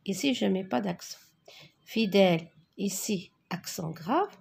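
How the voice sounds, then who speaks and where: A woman teacher going slowly through a spelling exercise, dictating words and naming each accent mark. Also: mid-range voice, lively intonation, creaky, a little mellow, husky. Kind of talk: worksheet correction lesson.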